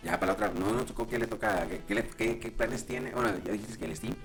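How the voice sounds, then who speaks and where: Gravelly Mexican man, rambling casual chat. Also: fairly low pitch, fast, fairly bright tone, faint music behind. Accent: Mexican Spanish. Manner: rambling, laughing, slangy.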